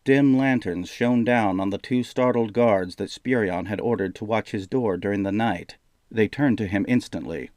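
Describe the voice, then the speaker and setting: Low-voiced male audiobook narrator. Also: dry recording. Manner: steady, measured storytelling. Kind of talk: scripted narration.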